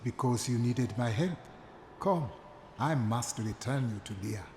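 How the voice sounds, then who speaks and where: A man's voice: medium pitch, animated, unhurried, slight background noise, lightly acted. An actor playing a solemn, noble witch doctor hero in a video game, speaking formally. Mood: resolute. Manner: formal, declarative. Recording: under loud game music.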